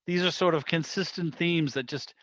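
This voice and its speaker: This man's voice sits on the high side, with a steady tone, normal speed and a slight brightness. As host of an online club meeting on an indoor video call, he chats about old radio with casual enthusiasm, meandering and thinking aloud. The sound is muffled and roomy.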